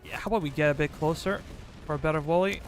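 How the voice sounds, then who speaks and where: Soft music plays behind a Serbian game streamer whose slightly high voice moves at a quick pace. With his Serbian accent, he casually comments live on a strategy game, issuing troop orders and talking with his audience.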